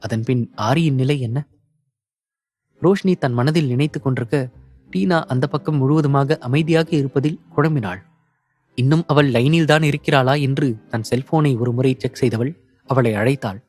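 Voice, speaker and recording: Brief: male audiobook narrator, calm, measured, mid-pitched. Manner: even, measured storytelling.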